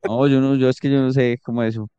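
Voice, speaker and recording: Man, smooth clear voice, dull dry sound, halting casual chat. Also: medium pitch, flat delivery, warm tone, no echo. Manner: hesitant, many fillers and restarts. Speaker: radio show co-host. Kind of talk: casual conversation.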